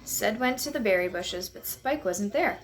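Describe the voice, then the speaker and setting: A woman reading a children's picture book aloud at home, in a gentle, lively read-aloud voice. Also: mid-range voice, moderate pace. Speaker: storyteller. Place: at home on a couch.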